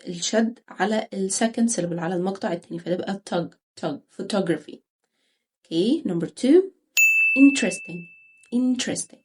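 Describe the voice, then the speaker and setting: A young woman with an Egyptian Arabic accent teaches English pronunciation, saying each word twice and pausing on "okay" between words. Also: mid-range voice, very noisy. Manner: repeats each word slowly, says okay often. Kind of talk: pronunciation lesson.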